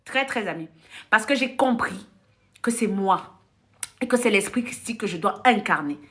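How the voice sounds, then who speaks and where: A woman's voice: medium pitch, moderate pace. A woman from Africa, a life coach, telling stories on a live stream. She laughs often, acts out conversations and talks bluntly to her viewers. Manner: animated storytelling with frequent laughter, acting out dialogue; blunt, direct addressing of the audience. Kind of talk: casual live-stream monologue.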